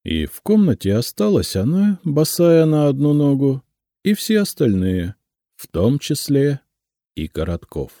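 A man reading a literary story aloud as an audiobook, in a theatrical, lively storytelling manner. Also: mid-range voice, a little slow, dry recording, clean studio sound. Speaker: audiobook reader. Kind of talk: expressive literary audiobook narration.

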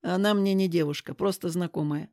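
A woman's voice: lowish voice, a little fast, darkish tone, dry recording, clean studio sound, pitched below the performer's own voice, close to an everyday voice. A woman doing a smug, teasing young man.

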